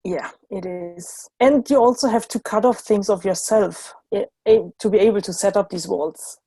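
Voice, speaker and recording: Mellow-voiced woman from Germany, dry sound. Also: medium pitch, normal speed, slightly rough, no echo. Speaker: guest facilitator. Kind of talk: casual online talk.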